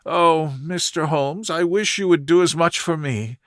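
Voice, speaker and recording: A man's voice: on the high side, measured pace, fairly bright tone, no room sound, clean studio sound, voice pushed up. A man voicing a nervous, earnest, good-humored young woman in an audiobook story, with an anxious, confiding manner. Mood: pleading.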